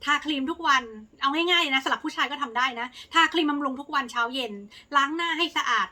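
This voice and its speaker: A young woman from Thailand talks through viewer questions in a relaxed vlog, polite and chatty with plenty of soft fillers. Her voice sits high and sounds bright and sharp. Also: fast talker. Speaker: YouTuber answering viewer questions. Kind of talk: casual Q&A vlog.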